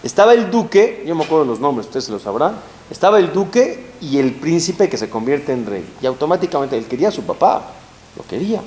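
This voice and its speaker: A male rabbi delivers a sermon to a live audience with a lively, swinging delivery that climbs high when he stresses a point. He keeps asking rhetorical questions and answers them himself. The room sounds echoey, with a faint hiss underneath. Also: brisk. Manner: animated, rising emphatic storytelling with rhetorical questions. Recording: roomy hall with faint hiss.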